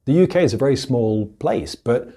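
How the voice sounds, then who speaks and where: A man with a British accent, an English teacher explaining pronunciation to learners and demonstrating sounds. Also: moderate pace. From United Kingdom. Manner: explanatory, lively pitch jumps for emphasis, demonstrates sounds.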